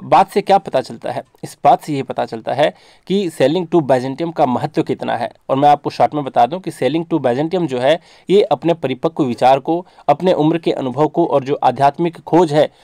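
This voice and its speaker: A man's voice: on the high side, normal speed, dark tone, dry recording, clean studio sound. A man giving an exam-focused English literature lecture, explaining step by step in a patient, repetitive way. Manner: explains in a patient, repetitive way, drifting between Hindi and English terms.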